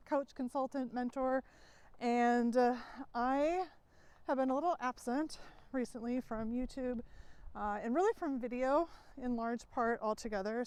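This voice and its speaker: A woman's voice: on the high side, a little mellow, smooth, dry recording. A middle-aged woman coaching in a loose, casual vlog recorded outdoors while walking, a little out of breath, with fillers and small laughs. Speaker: success coach. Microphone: headphone mic, then phone mic.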